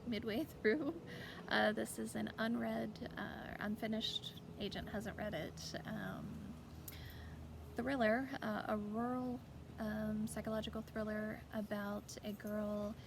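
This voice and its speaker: A woman's voice: mid-range voice, little pitch movement, slow pace. A woman chatting casually to viewers, over-enunciating her words to keep the mountain twang in check. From rural mountains of the United States. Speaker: author and host. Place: outdoors in a backyard. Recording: clear outdoor background noise.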